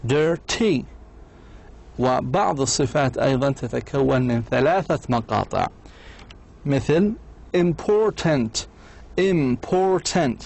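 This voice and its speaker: A man giving a university English lecture, explaining slowly in Arabic and sounding out English example words. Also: on the high side, vocal fry, darkish tone. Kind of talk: distance-learning lecture.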